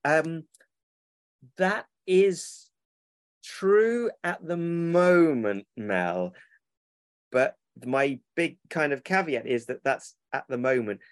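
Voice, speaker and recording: A man's voice: fairly high pitch, lively intonation, slow, clean tone, no room sound. A man, a children's book publisher who rambles and corrects himself in a casual interview over a remote call.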